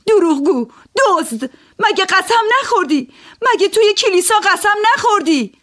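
A man's voice: extremely high pitch, very animated, bright, forceful tone, dry recording, clean studio sound, pitched above the performer's own voice, exaggerated voice. A man voicing a pious, proud married woman who scolds indignantly in an audiobook. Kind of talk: audiobook character voice.

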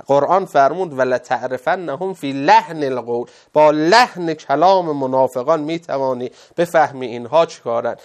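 A man giving a religious lecture, explaining at length and quoting Arabic scripture in a slow, measured recitation. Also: on the high side. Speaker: cleric.

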